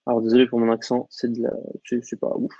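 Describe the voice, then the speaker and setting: A man teaching a coding lesson over a screen share, explaining in a relaxed way with lots of fillers. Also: medium pitch, fast, no echo, dull audio. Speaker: coding instructor.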